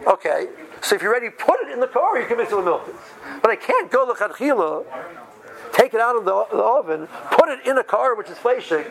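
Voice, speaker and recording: A man's voice: extremely high pitch, very animated, fast talker, gravelly, low-quality recording. A man giving an informal religious lesson, talking through everyday examples and checking in with short questions. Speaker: religious law teacher.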